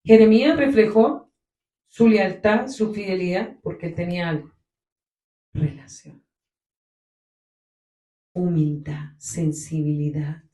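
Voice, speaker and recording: Woman preaching a sermon, emphatic, gets loud then soft, echoey room. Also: lowish voice, slow pace, long pauses. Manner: emphatic, rises and drops in loudness for stress. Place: congregation meeting room.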